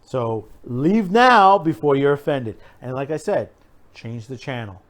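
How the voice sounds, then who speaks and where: A man hosts an opinion video channel, addressing viewers casually and emphatically while rambling and repeating himself. His voice is medium-pitched and animated, at a measured pace.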